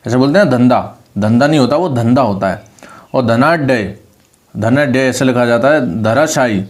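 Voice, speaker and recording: A man with a Rajasthani Hindi accent teaches an online spelling class. His voice sits at an ordinary middle pitch. He says each word again and again, lifting his voice on the correct spelling. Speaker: Hindi exam tutor.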